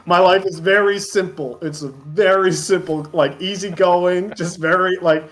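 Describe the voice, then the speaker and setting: A man in his thirties appears as an interview guest in a casual chat, his voice high-pitched, steady and unhurried. He tells rambling stories, chuckling as he goes.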